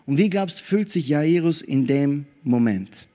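Man, sermon, fairly high voice, animated preaching, frequent hallelujahs and quick check-ins with the congregation. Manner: punctuates with hallelujah and amen.

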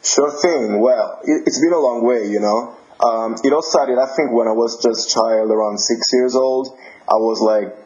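A young man from Italy speaks English with an Italian accent, friendly and laughing easily as he hunts for the right words. His tone is soft and mellow. The sound comes through somewhat dull and lo-fi, like audio on a remote call. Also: mid-range voice, moderate pace. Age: 20s. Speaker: guest musician. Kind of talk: casual interview.

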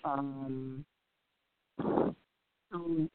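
A woman podcast guest speaking on a remote call, slow and halting, her voice breaking up and fading in and out over a bad connection. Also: rumbling low, steady tone, no echo. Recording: tinny phone line cutting out.

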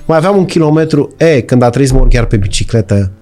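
A middle-aged man, a sports commentator, telling anecdotes in a relaxed, conversational way with frequent hesitations. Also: medium pitch, faint music behind. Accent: Romanian. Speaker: podcast guest, sports commentator. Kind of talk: casual conversational storytelling.

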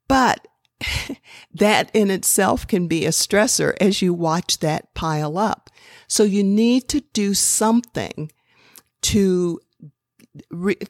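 A woman hosting a podcast, giving gentle, earnest self-care advice with a faith bent in an unhurried talk. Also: mid-range voice, no echo, clean studio sound. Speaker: podcast host.

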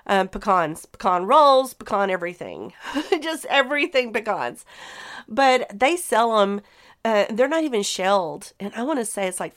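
Chatty woman with a smooth voice. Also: mid-range voice. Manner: chatty, rambling, laughs often. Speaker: podcast host. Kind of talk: casual solo podcast chat.

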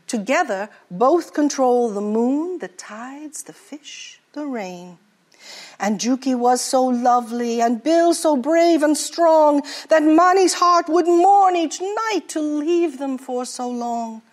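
Woman doing a gentle seafaring merchant from the north. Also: extremely high pitch, takes it slowly. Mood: tender. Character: gentle Icelandic sailor-merchant, fond storyteller.

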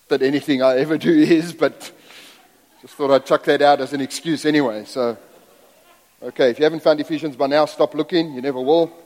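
A middle-aged guest preacher, a man from Zambia by way of South Africa, speaking in a fairly high voice. He is folksy and self-deprecating and wanders into asides. His voice rings through a church sanctuary with a long reverb. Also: steady tone, normal speed, pauses often, a little mellow. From Zambia, raised in South Africa. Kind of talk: sermon.

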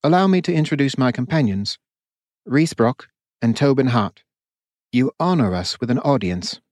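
Man doing a reverent young monk in a storybook, formal, lilting, with a higher tone. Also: lively intonation, moderate pace, a little mellow, no echo, natural voice. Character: earnest young male monk, cautious.

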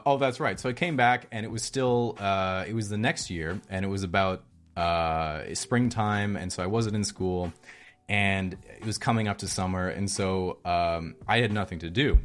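A young man telling a story from his life in a rambling, sardonic way, swearing now and then. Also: sits low. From British Columbia, Canada. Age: young adult. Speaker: vlogger. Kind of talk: casual storytelling.

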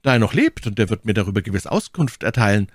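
A man's voice: fairly low pitch, very animated, no room sound, studio quality. A man doing a cold, mocking lord. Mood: ironic. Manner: coolly sarcastic, measured threats. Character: cold, mocking English lord, calm and menacing. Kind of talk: audiobook character reading.

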